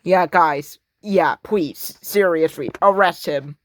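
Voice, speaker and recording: A man's voice: on the high side, slow pace, fairly bright tone. A young man giving casual, sarcastic commentary on a horror movie, rambling and mocking as he watches. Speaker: reaction video host.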